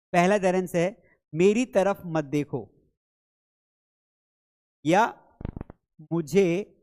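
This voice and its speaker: A man teaching spoken English in a live online lesson, calling viewers "children" and repeating phrases for drills. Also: high voice.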